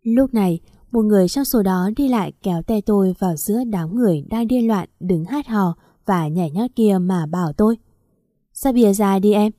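A woman reading a first-person story aloud in a steady, even storytelling manner. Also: mid-range voice, a little fast, few pauses, no room sound, studio quality. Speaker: story narrator.

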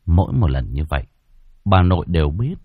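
A man's voice: deep voice, big pitch swings, brisk, slightly rough, no echo, phone-quality sound. A man narrating a first-person ghost story dramatically.

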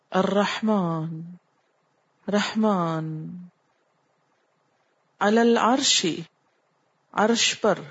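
Measured woman teaching word by word. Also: fairly low pitch, darkish tone, husky, muffled recording. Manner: measured, alternating recitation and translation. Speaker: Quran teacher. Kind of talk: word-by-word translation lesson.

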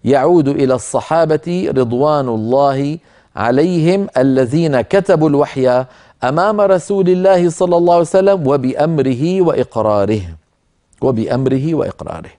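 A middle-aged man teaching a Quranic reading rule, explaining in a calm, measured way and slowly chanting verse quotations. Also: a little high. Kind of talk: lecture on a tajweed poem.

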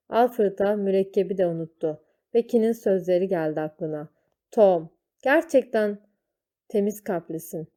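A woman reading a children's story aloud, slow and deliberate. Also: medium pitch, warm tone.

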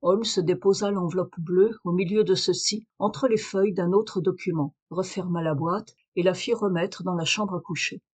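A woman reading a classic detective story aloud as audiobook narrator, in steady, clear storytelling. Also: fairly low pitch, moderate pace, hardly any pauses. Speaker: audiobook reader.

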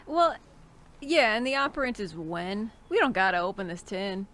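A woman on a panel chatting casually, reasoning things through in a dry, measured way. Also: mid-range voice, very animated, fairly bright tone. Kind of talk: casual comedic chat.

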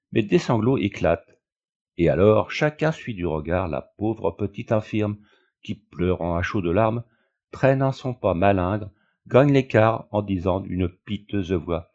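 A man reading a classic tale aloud as an audiobook narrator, measured and expressive, on a dull lo-fi recording. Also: fairly low pitch, gravelly.

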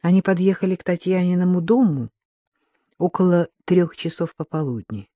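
Measured audiobook narrator, dark tone. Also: medium pitch, no echo.

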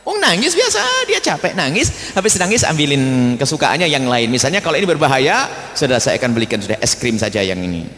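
A man preaching a religious study sermon, emphatic and blunt, sometimes scolding and sometimes gentle. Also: mid-range voice, wildly swooping pitch, fairly quick, long reverb tail. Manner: emphatic, blunt scolding mixed with tender asides.

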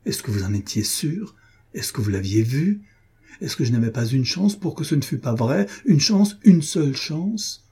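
A man's voice: medium pitch, big pitch swings, normal speed, warm tone, husky. A man reading an audiobook, voicing a wounded, furious woman who reproaches her lover with impassioned, ironic pleading. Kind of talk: audiobook reading of a classic novel.

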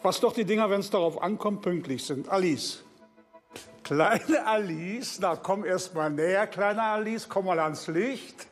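A male actor playing an aging, grandiloquent former theatre director who bursts into shouting. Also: high-pitched, unhurried, faint music behind. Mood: pompous. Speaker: stage actor. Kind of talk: stage acting. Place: theatre stage. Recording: echoey theatre stage.

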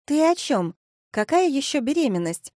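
A woman doing a shrill, gushing young woman. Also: big pitch swings, moderate pace, darkish tone, no echo, clean studio sound. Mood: indignant. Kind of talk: audiobook character voice.

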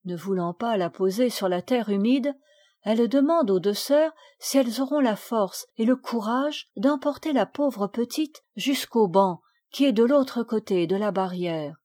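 A woman narrating a storybook aloud in a measured, expressive reading. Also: on the high side. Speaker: audiobook reader. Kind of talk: audiobook narration.

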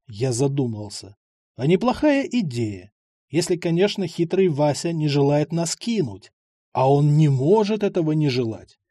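A man's voice: a little high, dark tone, no room sound, studio quality. A man narrating first-person fiction in a wry, mocking tone. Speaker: audiobook narrator.

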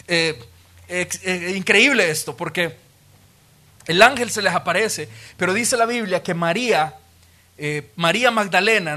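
A man, preaching a sermon as a pastor and retelling the story in an animated, vivid way. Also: high-pitched.

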